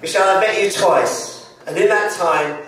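A man's voice: high-pitched, normal speed, a bit bright. A middle-aged man giving a father-of-the-groom wedding toast with dry, self-deprecating humor. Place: large indoor reception hall. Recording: echoey hall from far off, noisy.

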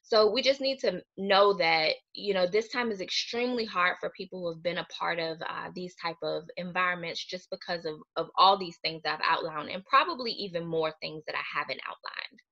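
A woman clinical social worker giving a recorded webinar talk, earnest and explanatory in a steady lecturing manner. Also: lowish voice, normal speed, lo-fi sound.

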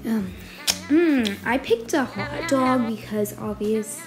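A woman's voice: animated, slow pace, music in the background. A young woman in a sleepy morning voice, narrating a role-play game and voicing its characters. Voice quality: soft and low. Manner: voices the game's characters in short lines. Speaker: game player.

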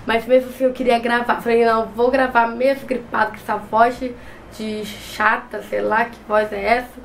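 Fairly high in pitch with little movement, this young woman speaks at a moderate pace over a slight hiss or hum. She's a beauty vlogger with a cold, talking through a makeup tutorial right up close to the camera in front of her, often restarting words, in a small bedroom with shelves and a clothes rack.

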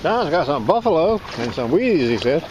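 A man's voice: fairly high pitch, fairly quick. Chatty man detecting on a windy beach. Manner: relaxed, chatty, laughs often. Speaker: metal detecting vlogger. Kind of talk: casual chat while beach hunting. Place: outdoors on a beach, wading in shallow water.

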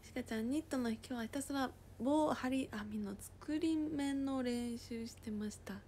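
A woman casually chatting on a livestream, reading viewer comments aloud and often dropping into a soft whisper. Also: high-pitched, moderate pace, slight background noise. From Japan.

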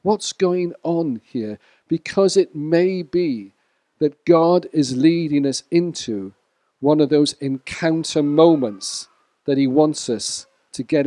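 A man preaching a sermon to a church congregation in a measured way, sometimes speaking to people in the room. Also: fairly high pitch, mellow, dry recording. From Wales.

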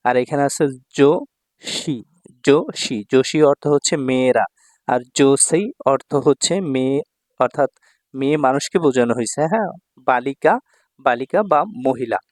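A man's voice: medium pitch, a little mellow, dry recording. A man with a Bangladeshi Bengali accent, teaching a language lesson with patience and repeating each word several times while he checks in with his listeners.

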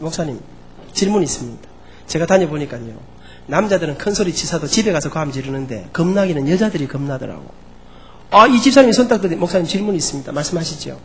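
A man's voice: high voice, slight background noise. A man with a Gyeongsang accent, a church elder telling a testimony sermon and acting out the people in his story. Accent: Gyeongsang Korean.

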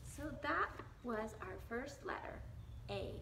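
A woman's voice: a little high, animated, slow, creaky, bright, forceful tone. A woman in her thirties teaching preschoolers on video, with a broad, singsong children's-presenter delivery full of simple questions. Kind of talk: children's lesson addressed to young kids. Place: small bare-walled room indoors. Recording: echoey room, faint background noise.

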